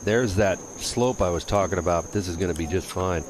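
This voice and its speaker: A man's voice: low-pitched, moderate pace, poor audio. A man providing live golf commentary on a broadcast with outdoor background noise.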